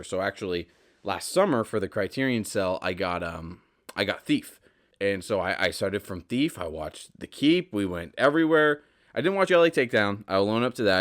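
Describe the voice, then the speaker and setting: A man in his twenties hosts a podcast alone, rambling casually and emphatically and repeating himself. His voice is lowish with a fairly bright tone, and his nose sounds slightly stuffy.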